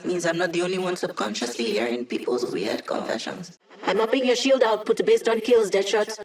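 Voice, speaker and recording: A woman's voice: lowish voice, fairly quick, darkish tone, roomy sound, recorded from a distance, natural voice. A woman voicing a cocky, playful young female hacker in a video game, with a wry, teasing, self-assured delivery. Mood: wry, businesslike. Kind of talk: video game character voice lines.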